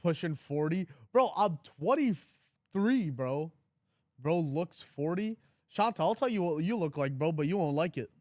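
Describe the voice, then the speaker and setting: A man's voice: a little high, animated, unhurried, darkish tone, dry recording, clean studio sound. A man in his twenties hosting a trading livestream, talking casually and bluntly, teasing his chat and reading comments aloud. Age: 20s.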